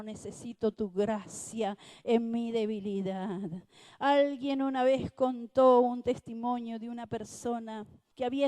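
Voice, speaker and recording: A woman pastor delivers a church sermon at an unhurried pace. Her voice sits fairly high but sounds mellow and warm. The dry, close sound keeps her words near, and she swells loud whenever she pleads with God. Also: no room sound, rough recording. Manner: slow, earnest preaching that swells loud on pleas to God.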